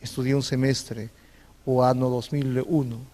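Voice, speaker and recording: A man's voice: mid-range voice, flat delivery, measured pace, dark tone, in a large hall. A man from Peru with a Peruvian Spanish accent, a native Spanish speaker, answering interview questions hesitantly with many filler sounds. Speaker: interview guest, visual artist.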